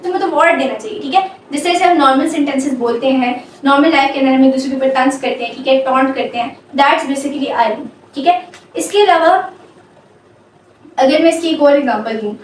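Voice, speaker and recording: A high-pitched woman teaches grammar, stopping often to check she is understood. Her voice comes from well away from the mic, in a very echoey room, with a faint hum behind it. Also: a little fast, distant mic. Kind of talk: grammar lecture.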